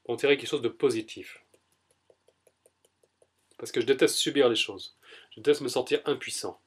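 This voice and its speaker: A man doing an EFT tapping self-demonstration, speaking in short, repeated first-person statements that are emphatic and exasperated at first and softer later. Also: medium pitch, normal speed, breathy edge. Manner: softer and more settled. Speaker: EFT practitioner.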